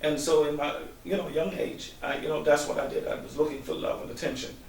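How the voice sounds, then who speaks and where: A man's voice: on the high side, fairly even intonation, fairly quick, a little mellow. A middle-aged man from Guyana, a guest answering interview questions in a hesitant way, with many ums and restarts. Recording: echoey room, distant mic, faint hiss.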